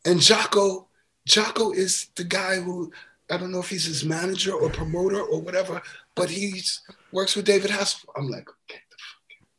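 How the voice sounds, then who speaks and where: Animated man telling a story. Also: high-pitched, moderate pace. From New York. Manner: animated storyteller, repeats words, casual swearing. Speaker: guest musician. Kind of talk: casual storytelling chat.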